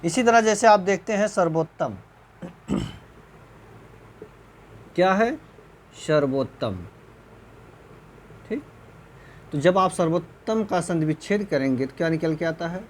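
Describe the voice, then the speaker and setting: A man teaching a recorded exam-prep grammar lecture, repeating points slowly, often clearing his throat, and checking whether students understood. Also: a little hiss or hum. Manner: slow, repetitive, checks understanding with rhetorical questions; voice drops low at the end of answers. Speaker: Hindi teacher.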